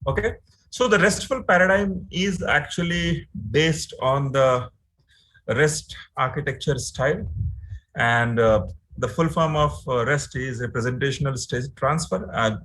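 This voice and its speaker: A man's voice: on the high side, a little slow, a bit bright, rough recording. A man with an Indian English accent giving an online training lecture, explaining step by step with many fillers and frequent "right?" checks. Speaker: instructor.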